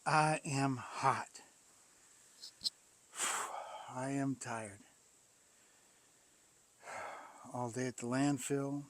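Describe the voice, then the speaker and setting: A man's voice: mid-range voice, drawn-out words, pauses often, a bit bright. A man, a pastor who welds, chatting casually and rambling in his workshop, sighing and coughing between thoughts. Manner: rambling, folksy, frequent sighs and coughs. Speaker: pastor and welder, channel host. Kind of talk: casual shop vlog.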